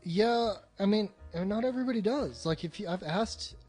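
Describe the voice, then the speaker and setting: This man has a high, slightly rough and somewhat mellow voice and speaks at a normal speed. He co-hosts a film podcast, chatting casually and emphatically, full of opinions and swearing freely, with faint music behind him.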